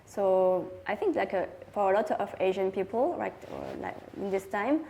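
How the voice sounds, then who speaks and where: A young woman from France with a French accent, answering interview questions and searching for words with many pauses. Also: mid-range voice, animated, vocal fry, mellow, a little hiss or hum, poor audio. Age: young adult. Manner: hesitant, many fillers and restarts. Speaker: fashion designer.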